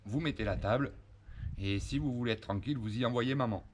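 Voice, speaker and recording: Joking French hornet remover outdoors. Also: male voice, mid-range voice, a little fast, a little hiss or hum. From France. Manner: joking, talks to the insects and the camera. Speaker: wasp and hornet removal worker. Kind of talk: casual running commentary while working. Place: outdoors at a house.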